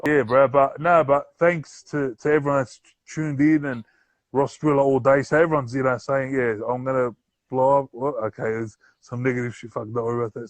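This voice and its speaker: A man's voice: medium pitch, no echo. A man with a broad New Zealand accent hosting a casual interview, speaking in slangy, affirming phrases and often saying bro. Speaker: podcast host and interviewer. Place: remote live-stream call.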